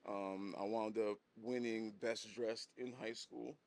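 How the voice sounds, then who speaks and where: This man, in his thirties and born and raised in Haiti, tells his story as a hat brand designer guesting on a podcast, laid-back, chuckling often and repeating words. His voice sits lowish with fairly even intonation, a slow pace, and a slightly mellow quality, in a casual interview storytelling style.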